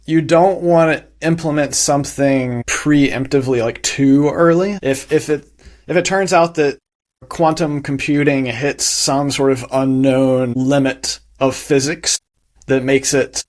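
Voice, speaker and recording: Measured man explaining technical ideas. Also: medium pitch, fairly even intonation. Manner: thoughtful, measured, with frequent fillers and restarts. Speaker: guest on a tech interview. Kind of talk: explanatory conversational interview answers.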